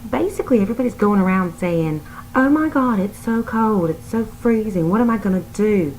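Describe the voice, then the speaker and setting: A woman's voice: medium pitch, animated, a little fast, a little mellow, close to an everyday voice, low-quality recording. A woman voicing a bossy, blunt woman in a put-on Brooklyn accent, ranting sassily at the viewer about the weather. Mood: sassy ranting. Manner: ranting, sassy, lecturing the viewer. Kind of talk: comic rant to camera.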